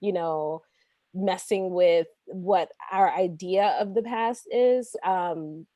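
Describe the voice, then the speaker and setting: A woman's voice: lowish voice, slow pace, warm tone, dry recording, dull audio. Female panelist, laughs often, rambles, very dry close sound. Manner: giggly, rambling, quotes her own thoughts. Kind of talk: casual panel discussion.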